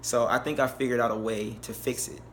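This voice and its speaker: A man's voice: mid-range voice, steady tone, fairly quick, slight background noise. A man giving a casual, plain-spoken how-to narration, explaining things informally as a DIY presenter.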